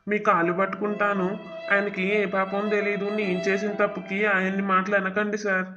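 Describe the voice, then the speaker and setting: A man's voice: high-pitched, completely flat delivery, brisk, dull audio, over music, natural voice. A man voicing a remorseful young son who begs the officer to spare his father. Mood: pleading. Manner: begging, apologetic, repeats sir.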